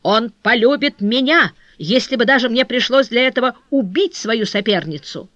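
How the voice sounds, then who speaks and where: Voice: mid-range voice, big pitch swings, a little slow, bright, forceful tone, no echo, highs cut off, full character voice. A reader voicing a proud, passionate young courtesan in an audiobook, haughty and then fierce. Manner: haughty, flaring into fierce outbursts. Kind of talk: audiobook character reading.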